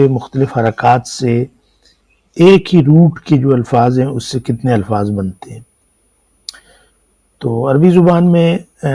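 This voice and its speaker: Husky, mellow man teaching Arabic script. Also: mid-range voice, no room sound, poor audio. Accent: Pakistani Urdu. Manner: patient, explanatory, asks and answers own questions. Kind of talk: classroom lecture explaining script.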